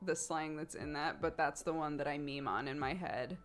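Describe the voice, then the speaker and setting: Soft background music accompanies a thirtysomething woman streaming from her home. Her voice is low and her pace moderate as she chats casually with her audience, giggling a lot and cursing offhandedly.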